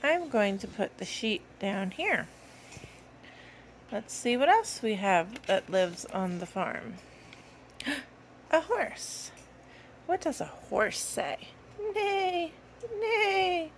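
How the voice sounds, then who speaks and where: Woman, children's presenter, slow pace, animated pitch, talking as if to a toddler, sing-song questions, faint background noise. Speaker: presenter of a children's educational video. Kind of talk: simple talk to toddlers about toys.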